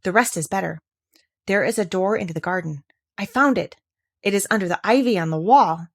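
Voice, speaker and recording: A woman's voice: mid-range voice, brisk, close to an everyday voice. A woman voicing a frank, matter-of-fact, earnest young girl in a storybook reading. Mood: solemn excitement. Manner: plain-spoken, earnest, childlike.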